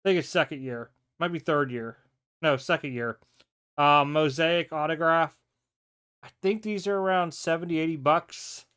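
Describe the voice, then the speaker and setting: Man, casual card vlog, home desk, clear smooth voice. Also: fairly high pitch, normal speed. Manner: relaxed, chatty, thinks aloud and self-corrects. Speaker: sports card collector showing mail. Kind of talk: casual show-and-tell vlog.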